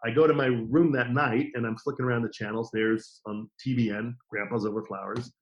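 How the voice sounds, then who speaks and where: A middle-aged man, a guest on a podcast, telling stories about his career in a casual, lively way and acting out the quotes. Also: medium pitch, brisk, muffled recording. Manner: lively anecdotes with acted-out quotes. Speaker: podcast guest, TV formats distributor. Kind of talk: casual interview storytelling.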